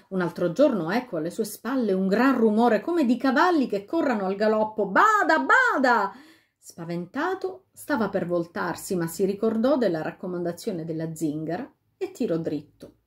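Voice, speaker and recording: A woman reading a fairy tale aloud with an expressive, dramatic delivery. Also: medium pitch. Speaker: storyteller.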